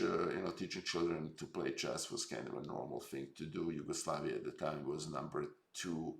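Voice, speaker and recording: Slow, gravelly Serbian-accented man. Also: very deep voice, a bit bright, echoey room. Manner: halting, many fillers, reflective. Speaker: chess streamer. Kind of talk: live-stream game review.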